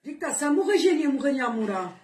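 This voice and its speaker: A woman vlogger chatting casually to her viewers, animated, with sing-song calls and rising exclamations. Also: high voice, normal speed, background noise. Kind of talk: casual chat to camera. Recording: roomy echo, voice from a distance.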